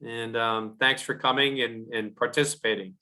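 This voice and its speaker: A man training ushers in a casual question-and-answer session, talking haltingly with many fillers. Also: mid-range voice, fairly even intonation, sharp tone. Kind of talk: casual Q&A on a video call.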